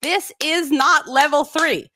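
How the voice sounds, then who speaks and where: A woman's voice: high-pitched, slow, bright, forceful tone, no echo, studio quality. A woman co-hosting a podcast in casual chat, emphatic and ranting with lots of energy. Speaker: podcast co-host.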